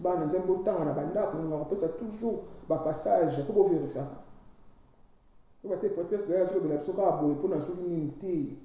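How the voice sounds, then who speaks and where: Recorded in a very echoey room, a priestess exhorts her online followers spiritually, preaching with emphatic insistence and mixing languages freely. Her voice is low-pitched and mellow.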